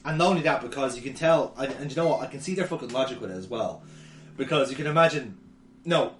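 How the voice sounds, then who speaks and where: A man's voice: medium pitch, fast. A man doing casual, rambling gaming commentary, sweary and laughing often. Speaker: let's play commentator. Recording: echoey room with faint noise.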